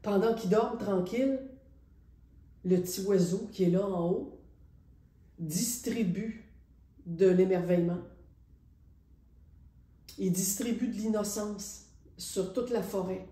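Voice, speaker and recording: Speaking with a Quebec French accent, a middle-aged woman presents her painting casually and reflectively, often hesitating and pausing. Her voice is mid-range and warm, set in a roomy echo.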